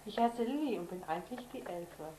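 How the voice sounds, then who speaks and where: A woman's voice: animated, brisk, mellow, slight background noise, close to an everyday voice. A woman voicing a small, sad fairy girl who is close to tears, reading aloud in an echoey room. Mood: tearful. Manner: tearful, higher voice.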